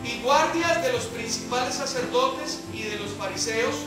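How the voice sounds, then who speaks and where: A woman's voice: a little high, expressive, moderate pace. A woman leading a Bible study sermon, acting out scripture quotes and asking the room rhetorical questions. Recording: echoey hall with faint music.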